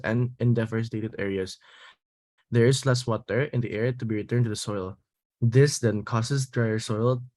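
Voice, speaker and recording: A young man, a native Indonesian speaker, reading his part of a class presentation from slides in English, steady with small restarts. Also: medium pitch. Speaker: student presenter.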